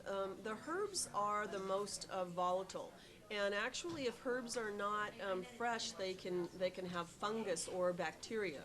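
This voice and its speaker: A woman's voice: medium pitch, animated, a little slow, crowd noise. A middle-aged woman who runs a tea shop, answering interview questions with many ums and restarts and an eager tone.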